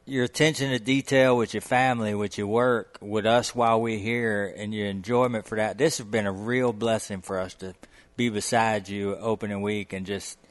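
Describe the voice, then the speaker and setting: A man co-hosting a casual podcast, talking in a folksy, enthusiastic, rambling way. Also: lowish voice. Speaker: podcast co-host. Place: guest's home on the coast.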